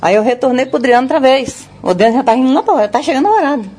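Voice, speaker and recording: An older woman with a Brazilian Portuguese accent, a grieving grandmother telling in distress what happened, in a rushed, breathless retelling full of quoted dialogue. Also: high voice, lively intonation, a little mellow, breathy edge. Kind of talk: emotional first-hand account.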